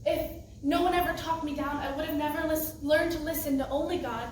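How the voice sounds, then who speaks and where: Teen girl, high and earnest, emotional youth-group testimony in an echoey room, mic far off. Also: steady tone, brisk, a crowd in the background. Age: teens. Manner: earnest, emotional, laughs nervously. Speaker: youth group student speaker. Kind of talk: personal testimony talk.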